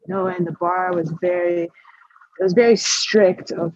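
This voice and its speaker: A young woman chatting as a guest over a video call, relaxed, with plenty of fillers and sentences that fade off quietly. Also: lowish voice, a little slow, dry recording, dull audio. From Canada. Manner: relaxed, trails off softly, many fillers. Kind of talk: casual interview chat.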